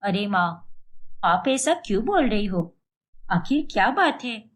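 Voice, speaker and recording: A kind, loyal young daughter-in-law from a cartoon story, played by a woman. She protests earnestly in a lively, animated voice and speaks at an unhurried pace. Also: mid-range voice.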